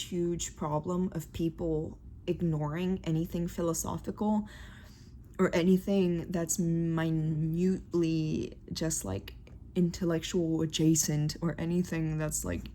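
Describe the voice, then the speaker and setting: A woman's voice: fairly low pitch, darkish tone, a little hiss or hum. A young woman from Brazil, a Portuguese speaker, talking in a rambling, hesitant diary vlog full of fillers. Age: young adult. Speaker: vlogger.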